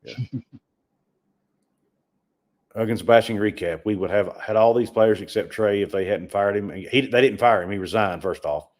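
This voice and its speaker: A man's voice: lowish voice, normal speed, pauses often. A man co-hosting a sports livestream, talking casually and often repeating words as he makes a point. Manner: conversational, repeats words when emphatic. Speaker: sports podcast co-host.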